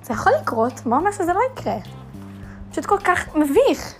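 A woman's voice: high-pitched, animated, soft background music. A young woman hosting a casual solo podcast, chatty and full of fillers, piling up dramatic rhetorical questions. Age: young adult. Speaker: podcast host.

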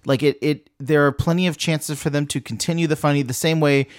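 A man's voice: a little high, a little fast, no echo, clean studio sound. A man in casual conversation, critiquing a film and acting out lines from it. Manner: animated, mimics film characters in asides. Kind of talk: casual movie review chat.

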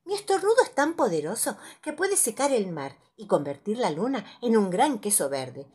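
Breathy woman reading a playful story. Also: a little high, moderate pace. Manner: playful, dramatic, very expressive.

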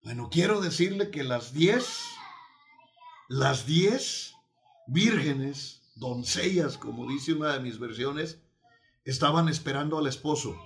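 Male preacher, slightly high-pitched, emphatic, repeats for stress, lightly humorous. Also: lively intonation. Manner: emphatic, repeats key phrases, slows down to stress points; teaching tone with light jokes. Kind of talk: sermon.

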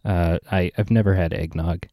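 A man hosting a casual comedic chat, laid-back and deadpan, reading out discussion prompts. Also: low-pitched, moderate pace, no echo. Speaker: podcast host reading prompts.

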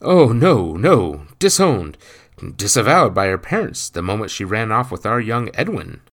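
A man voicing a portly, nosy villager who blusters loudly through mouthfuls of food. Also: on the low side, very animated, unhurried, voice pushed up. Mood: blustering. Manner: loud, blustering, talks with his mouth full.

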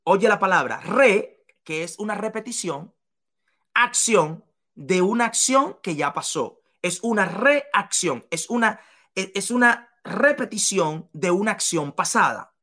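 A woman's voice: mid-range voice, lively intonation, unhurried, fairly bright tone. A woman giving a motivational seminar talk to business leaders, emphatic and repeating key phrases to the listener.

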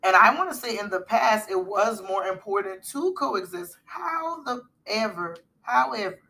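A woman's voice: mid-range voice, animated, a little slow, gravelly, pushed and bright. A middle-aged woman co-hosting a podcast in casual chat, rambling with fillers and restarts. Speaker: podcast co-host.

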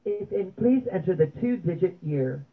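Automated woman on a phone menu. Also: fairly low pitch. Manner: even, measured, scripted. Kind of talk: recorded phone prompts. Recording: tinny phone line.

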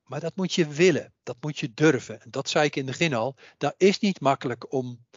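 A man's voice: a little high, fairly quick, no echo. Earnest Dutch-speaking man, muffled and dry. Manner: earnest, repeats phrases while making a point. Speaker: psychic medium, podcast guest. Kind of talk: casual podcast conversation. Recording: dull, muffled audio.

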